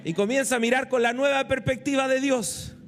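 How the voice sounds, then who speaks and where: A man's voice: extremely high pitch, steady tone, fairly quick, slight background noise. A man preaching a sermon, telling a story and asking the congregation questions. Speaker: pastor.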